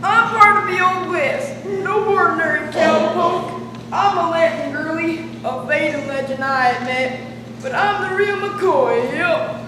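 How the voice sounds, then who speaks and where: A woman's voice: very high voice, unhurried. A young female student playing a garrulous, boastful old Wild West cowboy in the folksy manner of an old prospector, in a school stage play. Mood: boastful, nostalgic. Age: young teenager. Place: school stage, recorded from afar. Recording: echoey noisy hall, distant microphone.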